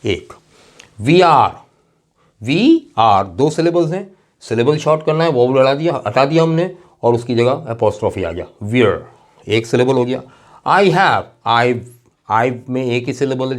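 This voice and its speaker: Male teacher, mid-pitched, patient lecturing delivery with drawn-out example words. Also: a little mellow. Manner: explains patiently, spells words out slowly letter by letter, checks understanding often. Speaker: English teacher. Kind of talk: classroom lecture.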